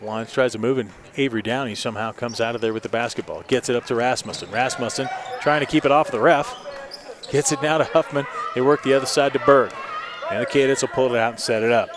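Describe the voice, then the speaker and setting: A man calling high school girls basketball play by play, quick and steady, lifting his voice on each basket. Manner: rapid play-by-play, rising excitedly on baskets. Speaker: play-by-play announcer. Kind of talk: sports commentary. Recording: loud gym crowd behind.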